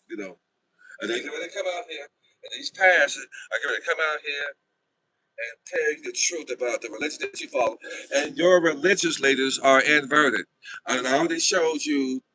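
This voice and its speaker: A man hosting a livestream, talking straight to his viewers in an animated, casual way. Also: medium pitch, breathy edge, rough recording. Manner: animated, talks to viewers directly. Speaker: livestream host.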